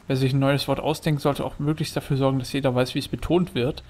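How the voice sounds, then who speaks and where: A man's voice: mid-range voice, fairly even intonation, quick pace, darkish tone. A man giving casual, joking commentary as a let's play host, chatting away and humming along.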